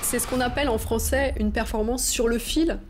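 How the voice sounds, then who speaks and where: A woman's voice: fairly high pitch, fairly even intonation, brisk, heavy background noise. A woman interviewer asking conversational questions of her guest.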